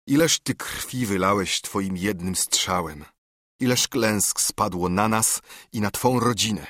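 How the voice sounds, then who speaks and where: A man's voice: lowish voice, slow, a bit bright, no echo, clean studio sound. A man voicing a stubborn older steward who speaks bluntly and sternly in a verse audiobook reading.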